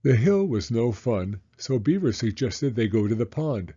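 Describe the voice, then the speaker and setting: A man reading a children's story in an expressive, deliberate narrating style with theatrical emphasis. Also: medium pitch, slightly rough, lo-fi sound.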